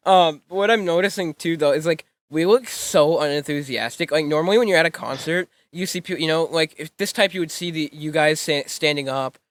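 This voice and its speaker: Rambling young man, fairly high voice. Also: fairly quick, few pauses, no echo. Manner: rambling, self-correcting, laughs often. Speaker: channel host. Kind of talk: casual reaction chat.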